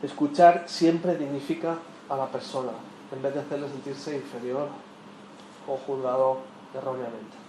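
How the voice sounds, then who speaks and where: A man's voice: mid-range voice, fairly even intonation, normal speed. A man teaching a Bible lesson, chatting and quizzing his group with tag questions. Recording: echoey room with faint noise.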